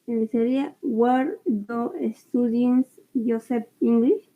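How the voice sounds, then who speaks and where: A woman's voice: on the high side, steady tone, slow, narrow, tinny audio. A woman student answering in an online class, hesitant and careful.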